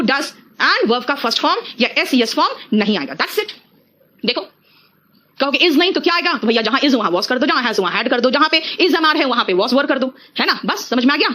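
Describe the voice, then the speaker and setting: High-voiced Indian woman teaching English. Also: sharp tone. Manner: explains briskly, addressing students as beta. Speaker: English teacher for competitive exams. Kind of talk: online exam-prep lecture.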